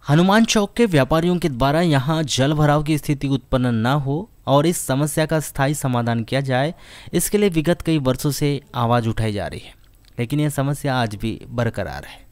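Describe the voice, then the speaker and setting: A male news narrator reads a scripted report in a formal, steady delivery. His voice is smooth and resonant, recorded close and dry with no room around it. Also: mid-range voice, no room sound. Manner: formal, even news reading.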